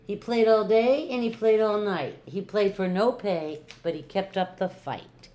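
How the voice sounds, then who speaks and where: A retired teacher, now an older woman, reads a picture book aloud to children slowly. Her mid-pitched voice is expressive and rhythmic, playfully stretching out key words for emphasis.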